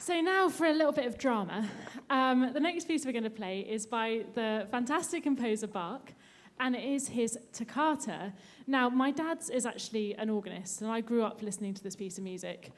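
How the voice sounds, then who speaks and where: A woman's voice: fairly high pitch, normal speed, few pauses, some chatter behind. A woman violinist introducing the next piece to a live audience on a cruise ship stage, friendly and upbeat, through a stage mic.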